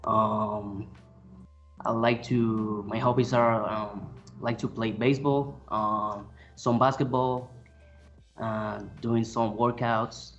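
Slow, hesitant young man from Puerto Rico. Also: on the low side, steady tone, lo-fi sound, soft background music. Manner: hesitant, with many fillers. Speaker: soldier introducing himself.

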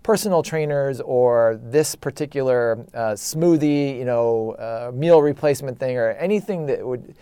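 A man who is a psychologist and podcast co-host, talking thoughtfully in a casual panel chat, often pausing on fillers. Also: mid-range voice, warm tone, clean tone, no echo, studio quality.

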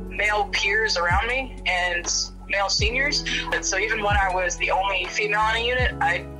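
Female army interviewee, mid pitch, modest hesitant answers, clear music underneath. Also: poor audio.

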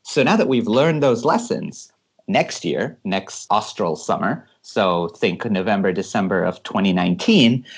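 A man from California answers interview questions as a guest engineer. His voice sits low, and he explains things eagerly, often laughing as he talks. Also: expressive, measured pace, breathy edge.

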